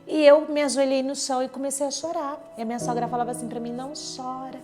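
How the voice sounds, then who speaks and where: A woman's voice: high voice, fairly even intonation, racing. Woman telling an emotional testimony. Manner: emotional, vivid retelling with quoted dialogue. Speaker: church member giving testimony. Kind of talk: personal testimony storytelling. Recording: clear background music under speech. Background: soft instrumental music.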